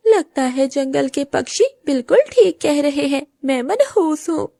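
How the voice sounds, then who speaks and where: Woman voicing a high, gravelly, tearful young crow. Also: animated, measured pace, warm tone, dry recording, clean studio sound. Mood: despairing. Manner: tearful, pleading. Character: grieving young female crow, outcast, tearful. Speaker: voice actor. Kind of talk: cartoon voice acting.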